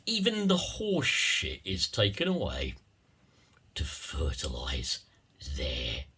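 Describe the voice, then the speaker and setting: Man, very breathy rasp, highly animated pitch, theatrical, digressive, satirical monologue, repeated phrases. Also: slow. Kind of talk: rambling satirical political monologue.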